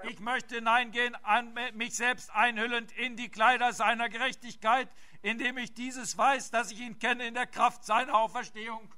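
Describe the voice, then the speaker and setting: A man giving an emphatic voice-over translation of a sermon, preaching and rising to shouts. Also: extremely high pitch, flat delivery, normal speed. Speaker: sermon interpreter.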